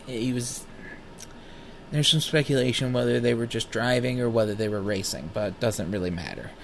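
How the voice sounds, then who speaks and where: A man in his thirties, smoking while he talks, telling rambling personal stories in a casual, animated way and swearing freely. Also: mid-range voice, a little hiss or hum. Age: 30s. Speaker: vlogger.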